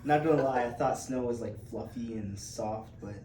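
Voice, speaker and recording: A twenty-one-year-old man from Uganda, a podcast guest, talks casually in a chatty, hesitant way with lots of fillers and restarts. His voice is medium-pitched, mellow, and moderately paced, recorded in an echoey room with background noise.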